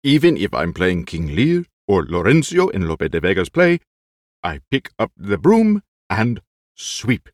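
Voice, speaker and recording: A man's voice: low-pitched, wildly swooping pitch, measured pace, no room sound, studio quality, full character voice. A man performing a nervous, vain, aging Spanish stage actor who talks in theatrical, frantic outbursts. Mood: boastful.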